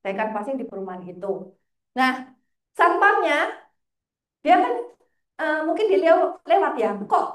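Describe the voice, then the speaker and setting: A woman, a financial planner telling lively stories in a casual interview, often laughing. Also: high voice, moderate pace, pauses often. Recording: roomy echo.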